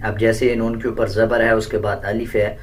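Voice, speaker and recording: A man teaching Quran recitation step by step in a patient, deliberate way, correcting common mistakes. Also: lowish voice, flat delivery, far from the mic. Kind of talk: step-by-step pronunciation lesson.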